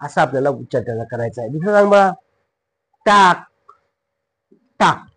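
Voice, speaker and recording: A man's voice: on the high side, expressive, normal speed, fairly bright tone, breathy edge, low-quality recording. A man with a Marathi accent teaches English pronunciation in a classroom style. He spells words out letter by letter, drills each word again and again, and playfully scolds wrong answers.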